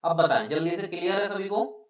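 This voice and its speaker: A male teacher giving a live online exam-prep lesson. He explains a point, keeps asking the students whether it is clear, and reads out their names from the chat. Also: high voice, animated, fairly quick. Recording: echoey, distant, dull lo-fi room sound.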